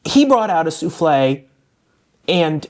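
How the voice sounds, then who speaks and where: A man's voice: fairly high pitch, big pitch swings, slow. A man talking as a guest in a casual podcast chat, enthusiastic and often restarting his sentences. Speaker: guest food critic.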